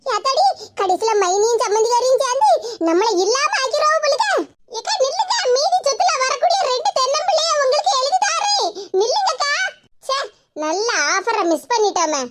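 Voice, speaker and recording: Woman doing a cheeky, squeaky young village woman. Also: lively intonation, brisk, heavy background noise. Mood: scheming. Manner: pleading, cheeky. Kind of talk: cartoon voice acting.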